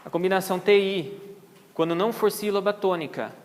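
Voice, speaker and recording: A man's voice: high-pitched, fairly quick, long reverb tail. A man with a Brazilian Portuguese accent giving a lecture at an orchid society meeting, explaining patiently and checking in with his audience. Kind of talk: lecture on botanical name pronunciation. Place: botanical garden meeting room.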